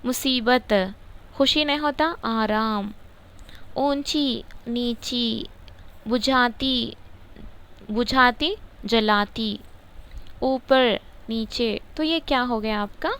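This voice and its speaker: A woman's voice: a little high, fairly bright tone, smooth. A woman explaining a grammar textbook in a casual lesson, asking questions and answering them herself. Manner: repeats words, asks and answers her own questions. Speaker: teacher.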